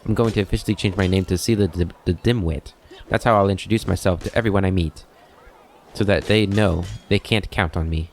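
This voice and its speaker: A grieving woman paladin who bitterly mocks herself for failing the people she should have protected, as a man reads her lines aloud in a low voice. She is a role-playing game character. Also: brisk, a little hiss or hum. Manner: bitter, self-mocking.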